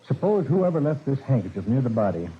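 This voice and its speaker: An actor playing a nervous, fretful theater manager in a 1940s radio drama. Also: male voice, medium pitch, big pitch swings, fast, a little hiss or hum, lightly acted. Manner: fretful, talkative. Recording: tinny old radio broadcast.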